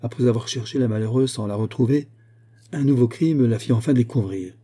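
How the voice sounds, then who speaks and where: Brief: male audiobook reader, mellow dark tone, steady literary narration. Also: mid-range voice. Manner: measured storytelling reading. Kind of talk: scripted narration.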